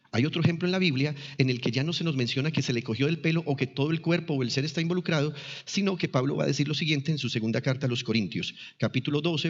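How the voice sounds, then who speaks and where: A man's voice: a little high, big-room sound, dull audio. A man teaching a sermon, reading scripture passages aloud and explaining them with pointed questions. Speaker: preacher.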